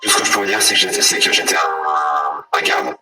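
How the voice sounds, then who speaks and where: A masked informant through a deep voice changer. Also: male voice, a little fast. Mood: cagey. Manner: hesitant, evasive, stammering. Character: masked anonymous ex-guard, secretive and cagey. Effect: voice changer, deepened.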